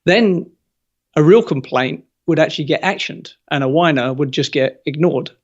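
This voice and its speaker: Lively opinionated man on a muffled line. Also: a little high, normal speed. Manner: lively, opinionated, colorful comparisons. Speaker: guest. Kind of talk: casual interview conversation.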